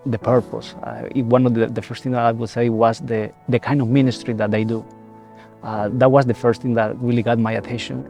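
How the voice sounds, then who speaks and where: A young man speaks in a low, mellow voice with a gravelly edge. He talks haltingly, repeating words and restarting phrases as he reflects. Soft music plays faintly behind him. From El Salvador. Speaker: seminarian. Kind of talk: reflective personal testimony.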